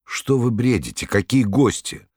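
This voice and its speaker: A man reading an audiobook, voicing a proud, fierce woman who turns sharp and pleading. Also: medium pitch, sing-song, a little slow, dry recording, clean studio sound, voice pushed up. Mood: indignant.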